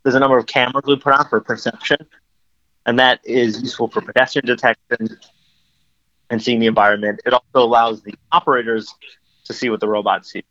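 A bright-toned man talks on speakerphone, his phone held away from his mouth. The line is dull and echoey and keeps cutting in and out. He explains at length with easy, filler-heavy phrasing. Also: mid-range voice, flat delivery, quick pace. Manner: explanatory, conversational, many "you know" fillers. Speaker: guest. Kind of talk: casual interview.

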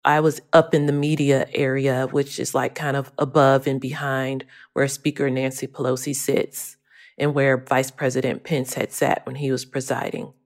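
A woman's voice: rumbling low, level tone, normal speed. A woman newspaper correspondent recounting what she saw, in a conversational, reflective way. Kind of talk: recounting in an interview.

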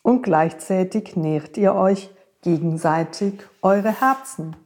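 A woman voicing a wise, gentle horse who speaks tenderly and reassuringly to a young friend. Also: mid-range voice, slow pace.

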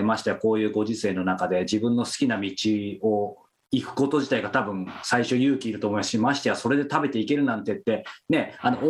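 A man co-hosting a podcast in casual but polite chat, deferential and agreeable with the person he talks to. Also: medium pitch. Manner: deferential, agreeable, frequent backchannels. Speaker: podcast co-host and interviewer.

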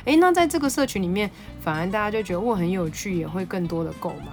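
A woman with a Taiwanese Mandarin accent hosting a podcast, telling a story in an animated, excitable way. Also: mid-range voice, fast, soft background music. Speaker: podcast host. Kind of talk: casual storytelling monologue.

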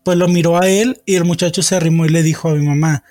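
Man, a bit high, dry close sound; hesitant guest storyteller with many fillers. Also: steady tone, fast, a little mellow, no room sound, soft background music. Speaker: guest telling a personal story. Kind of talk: casual spoken storytelling.

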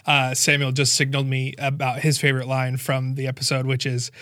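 A man's voice: medium pitch, monotone, fairly quick, pushed and bright. A man co-hosting a casual podcast chat, laughing through his points. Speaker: podcast co-host.

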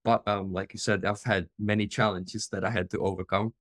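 A man's voice: lowish voice, flat delivery, fairly quick, dry recording, clean studio sound. A man in his twenties from the Czech Republic, a podcast guest telling his life story in an earnest, open way with many fillers. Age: 20s. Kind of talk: casual interview storytelling.

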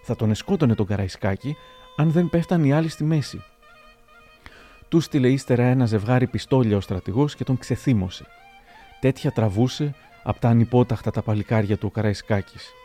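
A man reads old historical anecdotes aloud, measured and storytelling. His voice is warm and mellow, at an ordinary pitch, with quiet music in the background. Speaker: narrator.

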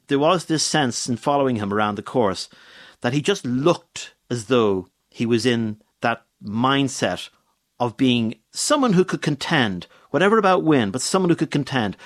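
Medium-pitched man giving reflective analysis.

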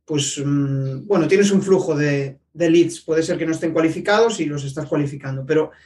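A man with a fairly high voice asks the questions, thoughtfully rephrasing with hesitations. He sounds set back from the microphone. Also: normal speed, a little mellow, far from the mic. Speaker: podcast host. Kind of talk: conversational interview questions.

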